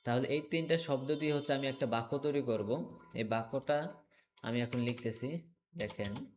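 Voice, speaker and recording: A man teaching an English class, speaking slowly, repeating words and often checking that his students understand. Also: medium pitch. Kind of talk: online class lesson.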